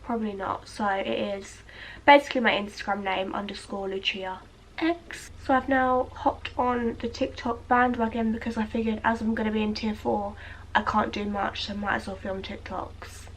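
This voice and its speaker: Indoors at home, a young British woman with a British accent talks casually to the camera at normal speed, her mid-range voice showing little pitch movement. She's congested and nasal with a cold, rambling chattily with plenty of fillers as she grooms her eyebrows. The rough recording carries slight background noise.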